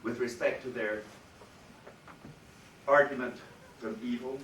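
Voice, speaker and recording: A man with a mid-range, fairly bright voice gives a university philosophy lecture at a slow, steady pace, hitting key words with real emphasis. He's recorded from across a spacious lecture hall, with faint ambience and slight background noise.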